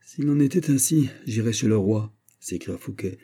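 Haughty minister read by a man; husky, raised voice, indignant declamation. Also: medium pitch, animated, normal speed, warm tone. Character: proud haughty male finance minister, imperious. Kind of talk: audiobook character reading.

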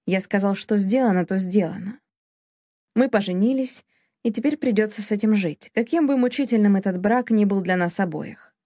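A woman's voice: mid-range voice, normal speed, warm tone, no room sound, studio quality, lightly acted. A woman reading the part of a furious, scornful young husband who speaks harshly and commandingly. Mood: гневно.

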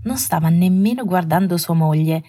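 A woman reading a story aloud in a calm, measured narration. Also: fairly low pitch, breathy edge, no room sound. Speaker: podfic reader. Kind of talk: scripted narration.

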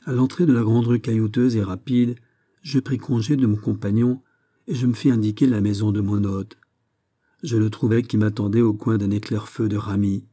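A man reading a literary short story aloud in a measured, even narration. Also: fairly low pitch. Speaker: audiobook reader.

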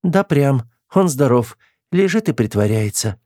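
A man reading an audiobook, voicing a calm, truthful female android crew member in a raised, level voice. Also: medium pitch, measured pace, no room sound, clean studio sound, voice pushed up. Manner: level, matter-of-fact reporting.

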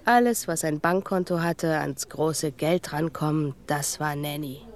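A deep female voice at a measured pace brings to life a former bar waitress in a German radio play. The character is sharp-tongued and worldly, with a sardonic, knowing edge.

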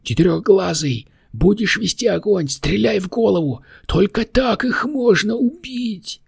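A man voicing a small, mischievous male demon who talks in a high, squeaky, excitable way in an audiobook. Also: a little slow, gravelly, breathy edge, dry recording, studio quality, full character voice. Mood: excited.

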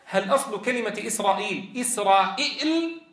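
Man, tajweed teacher, high bright voice, quizzing style, drawn-out example words, echoey room. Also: lively intonation. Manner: asks students questions and answers them himself; drags out example words slowly. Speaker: Quran teacher trainer. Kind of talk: tajweed lesson.

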